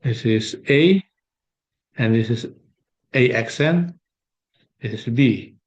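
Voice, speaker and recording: A man working through an exam problem as a math tutor, thinking aloud with pauses and fillers. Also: medium pitch, highs cut off. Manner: slow, hesitant, thinking aloud while sketching. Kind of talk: exam solution walkthrough.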